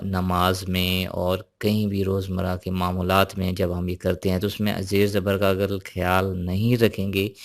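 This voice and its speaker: A male teacher leads a recorded language lesson, drilling sounds one by one. His voice sits low and stays fairly level. He explains things slowly and patiently.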